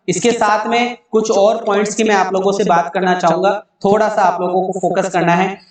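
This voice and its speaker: A man's voice: sits high, very echoey, recorded from a distance. A man teaching an online English grammar lesson, spelling words out letter by letter and answering his own questions.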